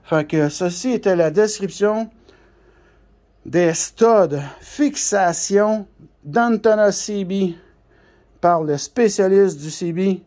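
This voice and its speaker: A Québécois-accented man presents a CB radio shop product tutorial in a casual, unscripted, hands-on way. He uses blunt, colloquial, mildly crude language, and his high-pitched, warm voice moves at a slow pace.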